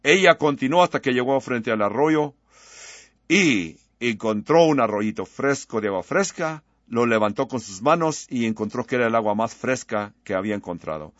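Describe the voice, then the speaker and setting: A man's voice: mid-range voice, lively intonation, moderate pace, dry recording, lo-fi sound. A male preacher giving a sermon, telling a story and closing in prayer.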